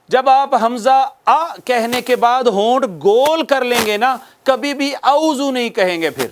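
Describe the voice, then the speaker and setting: A man teaching Quranic recitation on a TV lesson, explaining patiently to viewers and drawing out Arabic phrases slowly as models to repeat. He speaks with a Pakistani Urdu accent. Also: very high-pitched. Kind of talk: televised tajweed lesson.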